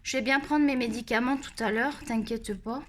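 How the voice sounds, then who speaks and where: A woman's voice: on the high side, fairly even intonation, normal speed, a little hiss or hum. A woman chatting at home as she shows off her art supplies, rambling and talking straight to her viewers. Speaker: art vlogger. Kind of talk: chatty product show-and-tell.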